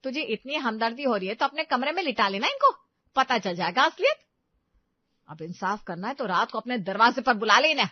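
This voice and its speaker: A woman voicing a quarrelsome middle-aged housewife who scolds sharply and loudly. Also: very high-pitched, quick pace, dry recording, highs cut off, pitched above the performer's own voice. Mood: shrill scolding.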